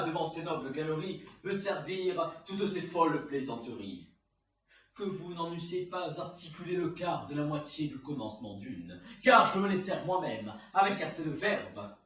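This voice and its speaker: A man's voice: on the high side, animated, normal speed, a bit bright. A man playing a proud, witty, mocking swashbuckling poet, delivering a theatrical verse monologue like a hammy stage actor. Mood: scornful, proud. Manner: hammy, declamatory stage acting. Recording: roomy, echoing, far from the mic.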